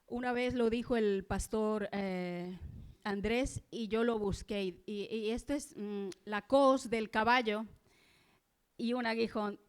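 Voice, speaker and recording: A woman's voice: a little high, fairly even intonation, slow, smooth. A woman preaching a sermon in a church, earnest and reflective, asking her listeners questions.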